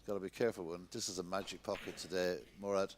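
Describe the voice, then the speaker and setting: A man giving hushed, measured snooker commentary in an understated way. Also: low-pitched, flat delivery. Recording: noisy commentary recording with clicks.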